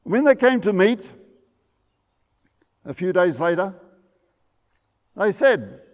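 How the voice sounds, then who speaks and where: A man in his eighties, a pastor, giving a measured history lecture while seated at a table in a church, sometimes correcting himself. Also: high-pitched, very animated. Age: 80s. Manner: measured storytelling, some self-corrections. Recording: long church reverb.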